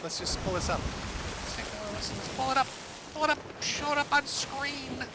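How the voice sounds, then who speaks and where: A man's voice: sits high, noisy background. A man commentating on online drama while gaming, profane and mocking. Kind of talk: casual commentary.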